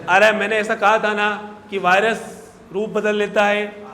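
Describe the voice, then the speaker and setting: A man's voice: high-pitched, flat delivery, measured pace, sharp tone. A man teaching a veterinary class, quizzing and scolding his students as he lectures. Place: large echoey classroom. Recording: echoey hall, long reverb.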